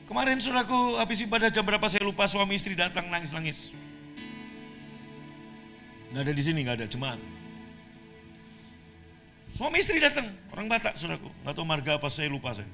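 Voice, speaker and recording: A male pastor from Indonesia preaching a sermon, swinging from quiet asides to shouted declarations. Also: high-pitched, expressive, a little fast, long pauses, faint music behind.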